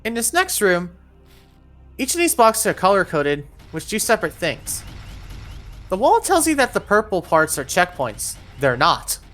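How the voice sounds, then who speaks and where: With wildly swooping pitch at a medium level, a woman narrates a game walkthrough unhurriedly, instructing players step by step in a directive way. Her tone is fairly bright, and faint music plays behind her.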